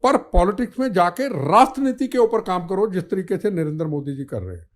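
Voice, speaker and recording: An older man talks with heat and fire, building each point through insistent repetition. His voice sits high for a man. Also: expressive, brisk. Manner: fiery, declamatory, repetitive rhetoric. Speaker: podcast guest, former minister. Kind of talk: impassioned political talk.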